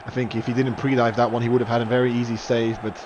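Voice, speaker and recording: Chatty and full of fillers and restarts, this young man's commentary on a live online match spikes sharply at goals and saves. He talks quickly in a level, mid-range voice, and the lo-fi recording has a noisy background.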